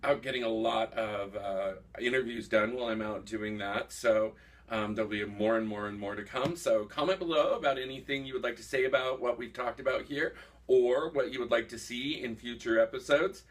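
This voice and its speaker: A man's voice: mid-range voice, fairly even intonation, moderate pace, distant mic. Playful male host, a bit off-mic. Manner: playful, teasing, laughs often. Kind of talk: casual chat.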